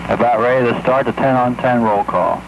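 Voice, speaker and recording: A man acting as net control, reading call signs in a brisk, clipped roll call, heard over a shortwave radio. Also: medium pitch, gravelly. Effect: heard over a shortwave radio with static. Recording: staticky lo-fi 1950s radio broadcast.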